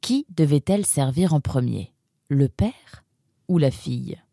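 A woman narrating a serialized audio story in a measured, even manner. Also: sits low, no room sound, studio quality.

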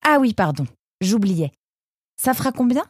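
A woman's voice: on the high side, big pitch swings, normal speed, breathy edge, no room sound, clean studio sound, voice pushed up. A woman voicing a shy, earnest young male storybook animal who speaks hesitantly and politely. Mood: timid polite.

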